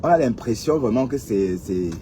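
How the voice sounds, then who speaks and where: Riding in a vehicle on the road, a Cameroonian man rants sarcastically to his viewers, firing rhetorical questions at them in casual commentary. His medium-pitched voice is warm with lively intonation at a moderate pace. There's slight background noise.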